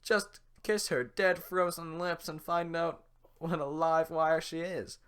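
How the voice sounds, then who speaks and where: A man's voice: fairly high pitch, flat delivery, slow, a bit bright, clean tone, voice pushed up. A man doing a magic mirror as game-show host. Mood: showman. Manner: talk-show-host announcer patter.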